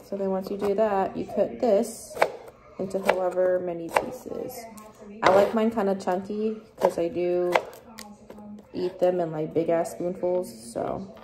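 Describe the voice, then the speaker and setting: In a very noisy recording, a woman in her late twenties with a mid-range voice talks bluntly to her phone as she cooks. It's a casual vlog from her small indoor apartment kitchen, full of chatty profanity.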